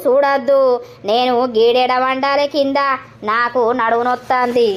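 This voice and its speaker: A woman's voice: high-pitched, lo-fi sound, natural voice. A woman voicing a bossy Telangana stepmother. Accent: Telangana Telugu. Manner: sharp, scolding, bossy. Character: harsh pregnant village stepmother, scolding. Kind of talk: animated village drama voice acting.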